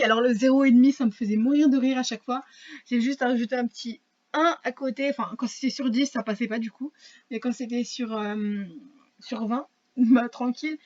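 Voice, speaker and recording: A teenage girl talks in a loose, rambling vlog chat, full of fillers and restarts as she laughs at her own shortcomings. Her voice sits a little high. The recording is dull and lo-fi, like a cheap home mic. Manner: rambling and self-mocking, many fillers and restarts. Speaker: vlogger. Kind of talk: casual chat to camera.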